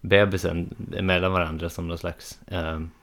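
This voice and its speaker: A man's voice: low-pitched, level tone, a bit bright. A man in his thirties, a podcast co-host chatting casually about board games, hesitant with many fillers and restarts. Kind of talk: casual chat.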